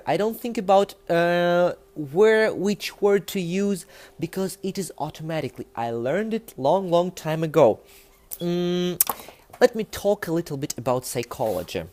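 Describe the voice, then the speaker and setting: A young native Russian speaker with a Russian accent and a slightly high voice vlogs about language learning. He talks to the camera casually, animatedly, and emphatically, using lots of fillers.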